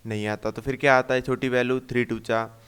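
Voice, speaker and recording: एक पुरुष गणित शिक्षक, मराठी लहजे वाली हिंदी में, हर कदम दोहराते हुए खुद सवाल पूछकर खुद जवाब देता है और अंग्रेज़ी गिनती मिलाता है।. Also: male voice, medium pitch, level tone, brisk, fairly bright tone, clear, resonant tone. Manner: repeats steps, asks and answers himself; mixes English number words into Hindi. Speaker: math teacher. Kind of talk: classroom-style math lesson.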